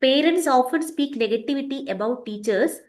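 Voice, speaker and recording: A woman's voice: high-pitched, moderate pace, a little mellow. Polite woman moderator. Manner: polite, deferential, reading questions. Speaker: moderator reading out questions. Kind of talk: online webinar Q&A.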